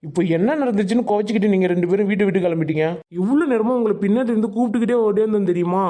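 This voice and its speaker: A woman's voice: mid-range voice, rapid-fire, dark tone, natural voice. A woman voicing a grown son in a Tamil cartoon, defensive and pleading with his mother. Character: grown son caught between mother and wife.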